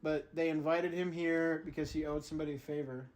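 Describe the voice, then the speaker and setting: A man's voice: a little high, fairly even intonation, a little fast, darkish tone, poor audio. Young man rambling through a plot. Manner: rambling plot recap with fillers and swearing. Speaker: podcast co-host. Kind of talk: casual chat.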